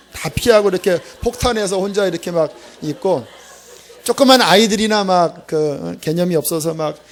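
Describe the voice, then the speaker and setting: A man preaching a Friday sermon to his church, with a fairly high voice. He talks to the congregation like a friend, with sudden loud bursts and quiet, almost whispered asides. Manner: animated, conversational preaching with quick swings from loud to hushed. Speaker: pastor. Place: church sanctuary.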